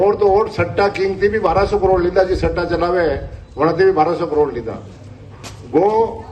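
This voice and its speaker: A high-pitched man with a Rajasthani accent gives a rambling campaign speech, circling back and repeating his points. He is heard from some distance from the mic, with faint background noise around him. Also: a little mellow. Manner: rustic, rambling, repeats himself. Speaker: politician.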